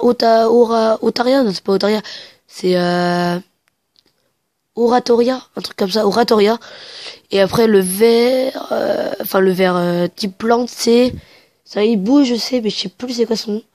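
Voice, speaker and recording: A woman's voice: a little high, a little mellow, no echo. A woman chatting casually through a let's play, hesitant and stumbling, reading game dialogue aloud while sniffly with a cold. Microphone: headset mic.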